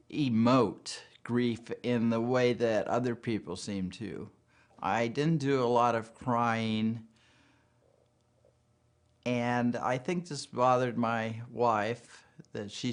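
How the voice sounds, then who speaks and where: A man's voice: mid-range voice, fairly even intonation. A man speaking in a reserved way about grief in a documentary interview. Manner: slow, reserved.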